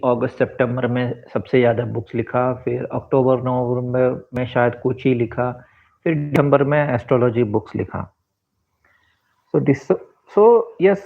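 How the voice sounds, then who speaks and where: A man's voice: medium pitch, gravelly. A man in his forties from India, giving a rambling, reflective personal monologue and slipping into English phrases. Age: 40s. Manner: rambling, switches into English phrases, fills pauses with asides. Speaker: vlogger and author. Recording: tinny phone-like sound.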